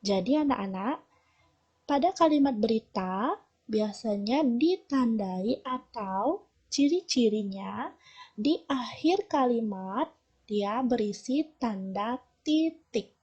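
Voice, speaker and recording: A woman with a Balinese accent teaching children a language lesson, explaining slowly and patiently. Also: on the high side, animated, a little mellow, slightly rough. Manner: slow, patient explaining to children, shifting between Balinese and Indonesian. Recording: dull lo-fi recording.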